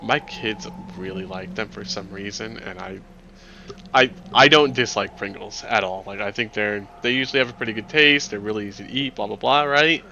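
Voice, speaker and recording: A man running a tabletop game, chatty and rambling, with a gravelly, bright voice. He speaks into a home computer mic, and the sound is slightly muffled, with a faint hiss behind it. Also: lowish voice, normal speed. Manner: rambling, chatty, laughs often. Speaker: game master.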